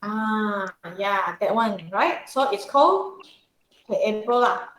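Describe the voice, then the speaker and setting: Her medium-pitched, slightly bright voice moves slowly but with lively intonation as she tutors accounting informally. The accent is Singaporean or Malaysian English; she checks in with questions and uses colloquial particles, and the sound is echoey and roomy.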